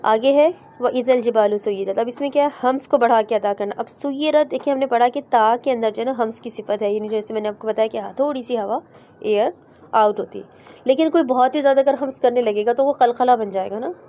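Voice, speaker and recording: A woman teaching Quran recitation in a class, patiently explaining letters step by step and sounding them out slowly. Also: fairly high pitch, mellow. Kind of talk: online class explaining pronunciation.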